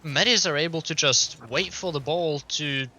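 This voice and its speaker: Brief: male caster, bright and keen, fast game calls. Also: fairly high pitch. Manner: quick, excited play-by-play, laughs easily. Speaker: esports caster. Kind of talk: play-by-play commentary.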